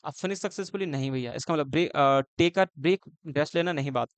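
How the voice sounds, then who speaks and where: A male teacher explains idioms for competitive exams in a fairly high voice. He keeps asking and answering his own questions and mixes Hindi with English. The sound is dry and close, with no room around it. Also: no echo. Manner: switches between Hindi and English phrases; slows to spell out idioms and meanings. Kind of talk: exam-prep lecture.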